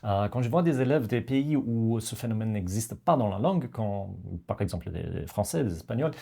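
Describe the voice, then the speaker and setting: A man teaching pronunciation to learners, talking slowly with many pauses and hesitant fillers. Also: lowish voice, expressive, creaky, warm tone. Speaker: language teacher.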